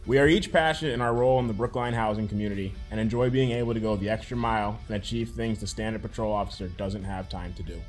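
A man reads a formal scripted narration quickly, in a middle-pitched voice. Faint guitar music plays under him. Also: fairly even intonation. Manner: brisk, formal read.

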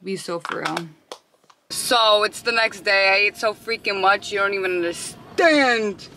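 A young woman in her twenties vlogs to her phone camera in a loose, slangy way, blunt and quick to swear. Her voice is bright and a little sharp, at an everyday pitch. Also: a little hiss or hum. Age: 20s. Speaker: vlogger. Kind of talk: casual vlog chat.

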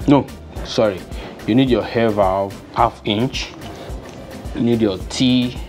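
In an open-sided poultry house with a concrete floor, a young DIY farming instructor with a Nigerian accent carries out an informal hands-on demonstration step by step, without a script. His mid-range voice is slow and a little mellow, with music in the background.

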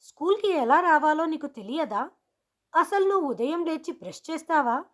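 A strict female schoolteacher barks one harsh question after another in a high, pushed voice, as a woman storyteller puts her on. The tone is scolding and severe. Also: lively intonation, moderate pace.

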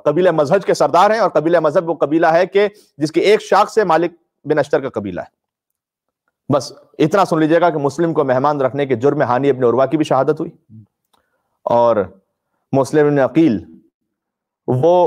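A man with a somewhat high, slightly mellow voice gives an impassioned sermon on a live stream. Indoors among draped religious banners, he preaches emphatically and declaims his stories in a mournful way.

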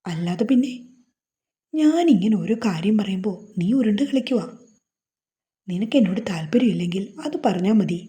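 A woman's voice: mid-range voice, expressive, moderate pace, long pauses, warm tone, natural voice. A woman voicing a sulky young husband who turns playfully teasing in a romance novel reading. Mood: grumbling.

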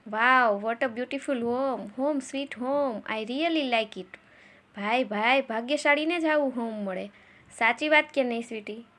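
A woman's voice: sits high, pushed and bright. A woman voicing a smug young man who blackmails his ex-lover, mocking her and singing old film songs off-key.

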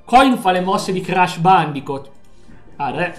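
A man's voice: high-pitched, animated, slow, echoey room, soft background music. A man streaming a video game, joking playfully with his chat and friends. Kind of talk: live gameplay stream chat.

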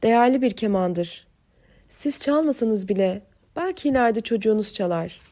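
A woman's voice: on the high side, expressive, moderate pace, mellow, lightly acted. A woman voicing a grieving man who speaks formally and courteously in an audiobook story. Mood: solemn. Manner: formal, solemn.

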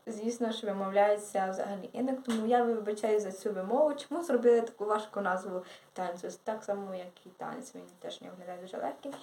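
A woman's voice: mid-range voice, slight background noise. A teenage girl from Ukraine chatting casually in a vlog, rambling along and correcting herself. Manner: rambling, with self-corrections and hesitations. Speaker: vlogger. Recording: echoey room.

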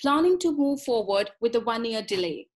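Young woman interviewer on a video call; slightly high, polite, long questions. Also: lively intonation, normal speed, low-quality recording.

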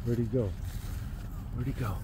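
A man's voice: medium pitch, steady tone, normal speed, noisy background. A man in his thirties, vlogging enthusiastically outdoors at a tree farm into a phone held at arm's length. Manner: enthusiastic, chatty, exclaims often. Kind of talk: casual vlog narration.

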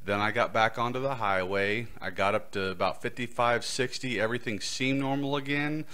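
Close to a boom-arm microphone in a small indoor studio, a middle-aged podcast host tells a prepared personal story. His mid-range voice is clear, resonant and sharp, at a moderate pace.

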